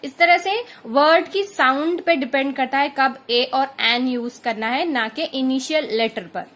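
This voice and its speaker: Indian woman teacher, high bright voice, patient and slow on the examples. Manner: patient, spells out examples slowly. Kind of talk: explaining English grammar lesson.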